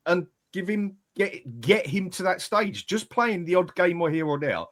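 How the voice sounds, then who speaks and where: A man with a fairly high voice argues in a casual football debate. He is blunt and mildly sweary. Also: animated, moderate pace, a bit bright.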